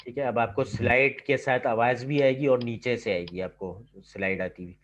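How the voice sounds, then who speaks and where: Teaching his computer lab over a video call, this man explains things step by step and punctuates each turn with "ठीक है." His voice is mid-range with fairly even intonation and a moderate pace. The computer-mic audio is slightly dull, with a little background noise.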